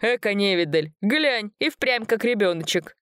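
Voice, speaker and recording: A woman voicing a kindly old village grandfather, calm and gently placating, with folksy speech. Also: medium pitch, normal speed, dry recording, clean studio sound, voice pushed up, close to an everyday voice. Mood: marveling.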